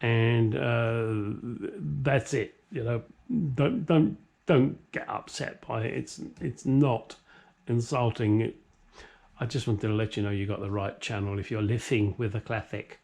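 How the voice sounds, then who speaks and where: A middle-aged British man with a steady, darkish mid-range voice, touched by vocal fry, speaks a little slowly. He hosts a classic car vlog from his home workshop, rambling casually to camera with blunt, self-deprecating jokes.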